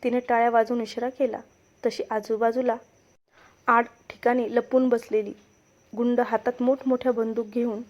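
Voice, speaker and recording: A woman's voice: a little high, level tone, moderate pace. A woman reading aloud her own dramatic romance story as its narrator, telling it expressively. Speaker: story reader and writer. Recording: dull lo-fi recording.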